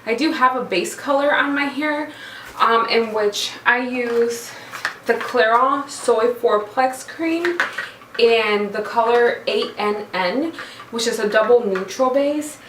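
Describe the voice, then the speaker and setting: Echoey, higher-voiced woman chatting to camera. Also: slow pace, fairly bright tone. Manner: chatty, informal, self-deprecating. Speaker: hair vlogger. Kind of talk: casual chat to camera, tutorial. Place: echoey cramped room indoors, standing. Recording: very echoey small room, far mic, faint noise.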